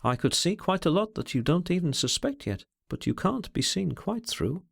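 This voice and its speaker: A man reading aloud, voicing a brooding, bitter man who talks over his feelings in an introspective, measured way. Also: sits high, big pitch swings, gravelly, voice pushed up, heavily acted. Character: brooding, scornful, self-searching man.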